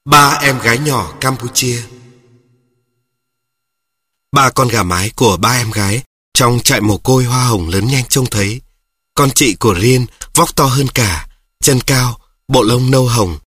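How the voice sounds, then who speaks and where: A man narrating a children's story in a steady reading voice, speaking directly to his listeners. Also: medium pitch, unhurried, pauses often, breathy edge, no echo, clean studio sound.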